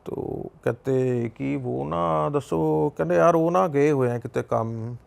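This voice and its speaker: Gravelly Punjabi man telling a story. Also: mid-range voice, slow, a little mellow. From Punjab, India. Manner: rambling, with many restarts. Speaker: podcast guest. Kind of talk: casual storytelling.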